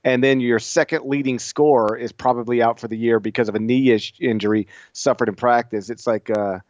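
A man in his thirties, co-hosting a casual sports podcast, talking in an animated, chatty way with frequent restarts. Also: medium pitch, brisk, no echo, muffled recording. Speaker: podcast co-host.

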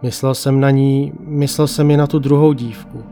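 Male narrator, mellow and measured, reading a ghost story over quiet music. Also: mid-range voice, fairly even intonation. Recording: faint music behind.

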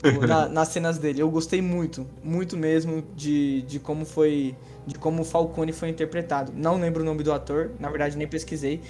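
Slangy Brazilian guy, higher-pitched voice. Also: steady tone, moderate pace, hardly any pauses, a little mellow, faint music behind. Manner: slangy, enthusiastic. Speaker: podcast co-host. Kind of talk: casual chat about films.

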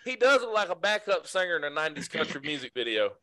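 A man's voice: fairly high pitch, sing-song, quick pace, a crowd in the background. A man co-hosting a podcast, teasing his friends and laughing often over a video call. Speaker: podcast co-host. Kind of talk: crude casual banter.

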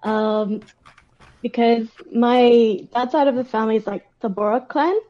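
An Australian woman, appearing as an interview guest, chats informally and tells personal stories in a talkative, animated way, acting out quotes and saying "like" often. Her voice is a little high and unhurried, heard in lo-fi sound.

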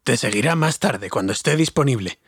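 A stubborn, wrathful dwarf king growls his words slowly and low, as a man reads him aloud. The voice is husky and sits close and dry, like a homemade audiobook. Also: animated, no room sound. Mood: bitter. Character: proud angry dwarf king, older male.

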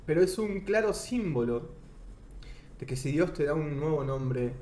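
A young man with an Argentine Spanish accent shares his faith testimony as a guest in a casual interview. His voice is on the high side, a little mellow and unhurried, with lively intonation, and he speaks earnestly, searching for words and restarting often. The room is echoey with faint background noise.

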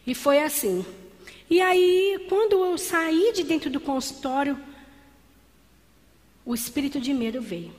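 A woman's voice: high-pitched, lively intonation, unhurried, pauses often, a little mellow. A woman giving a fervent sermon-style testimony in church, calling her listeners beloved. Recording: long hall reverb.

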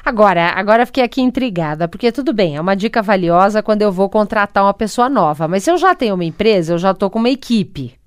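A woman with a Brazilian Portuguese accent hosts an interview, working her way aloud toward probing questions. Her voice is smooth and resonant, recorded close and dry with no room echo. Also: medium pitch, expressive, quick pace, few pauses. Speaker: interviewer, host.

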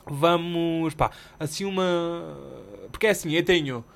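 Young male podcast host, European Portuguese accent, slangy and animated, voice sitting a touch high. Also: unhurried. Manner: animated, swearing, slangy, self-mocking. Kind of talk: casual solo storytelling.

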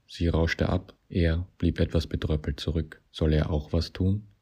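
A man reading a satirical story in a deadpan, ironic way. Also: a bass voice, a little slow, slightly rough. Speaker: narrator.

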